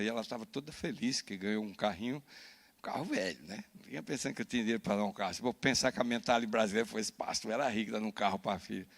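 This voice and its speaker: A Brazilian man, a pastor, telling a personal story in a sermon, animated and often adding "né?" to his lines. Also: on the low side, gravelly. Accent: Brazilian Portuguese. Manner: animated storytelling with frequent "né?" tags. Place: church.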